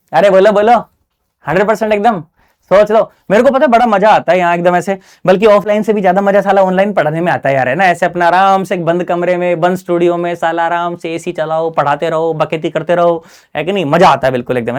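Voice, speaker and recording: A man's voice: high voice, fairly quick, clear, resonant tone. A man teaching physics in a loose, joking way, recording in a small studio. He talks to students like old friends, throwing in slang and constant check-ins. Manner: chatty, slangy, keeps asking "है ना?". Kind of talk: casual online exam-prep lesson.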